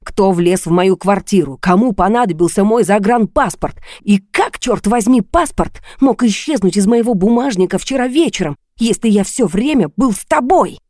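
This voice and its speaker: A woman's voice: medium pitch, animated, normal speed, hardly any pauses, darkish tone, dry recording, studio quality, natural voice. A woman reading an audiobook, voicing an angry, jealous young man who speaks harshly and accusingly.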